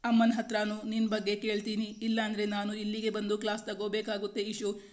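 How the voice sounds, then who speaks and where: A woman's voice: medium pitch, monotone, fairly quick, a little mellow, natural voice. A woman reading an anxious young wife. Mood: advising.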